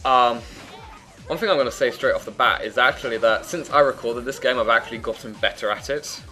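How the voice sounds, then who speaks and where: A man's voice: medium pitch, a little fast, sharp tone. A man giving casual, opinionated let's play commentary in a chatty way. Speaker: gaming commentator and player. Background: faint game music and sound.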